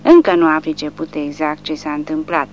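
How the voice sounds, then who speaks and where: Woman narrator with a lowish voice, measured and dramatic; dull lo-fi audiobook recording with a faint hum underneath. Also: steady tone. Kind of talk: scripted narration.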